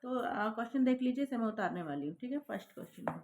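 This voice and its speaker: A woman's voice: a little high, expressive, fast talker, a little mellow, slight background noise. A woman, working through a maths exercise step by step as a teacher and often checking in with her students. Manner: patient, checks in with repeated "thik hai" and "hai na". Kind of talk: step-by-step classroom maths explanation.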